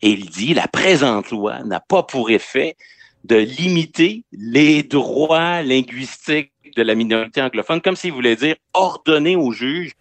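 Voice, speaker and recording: A man's voice: medium pitch, animated, measured pace, dry recording. A man with a Quebec French accent giving conversational legal analysis on the radio, explaining point by point. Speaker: legal commentator, regular columnist.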